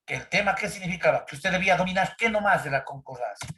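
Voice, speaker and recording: A male teacher leads a grammar lesson over a computer mic. His voice sits a little high for a man, and he keeps checking in with his students and tossing questions at them. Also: expressive, quick pace, pushed and bright. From Ecuador. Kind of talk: online grammar class.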